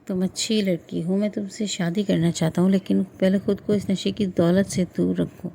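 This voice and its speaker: A woman voicing an earnest young man in a storybook reading, speaking slowly and sincerely. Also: mid-range voice, little pitch movement, gravelly, warm tone, a little hiss or hum, lightly acted.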